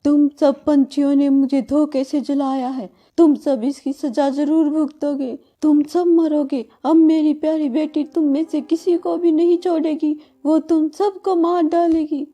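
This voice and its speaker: A woman doing a slow, menacing witch-bird mother. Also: medium pitch, dark tone, lightly acted. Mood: shrieking defiant. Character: wicked mother witch-bird, cruel and hungry.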